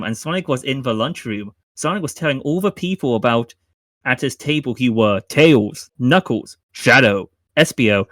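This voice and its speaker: A man hosting a podcast, narrating fanfic aloud with halting restarts and bursts of laughter. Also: medium pitch, a bit bright, no echo. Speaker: podcast host. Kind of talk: reading fanfic aloud, casual chat.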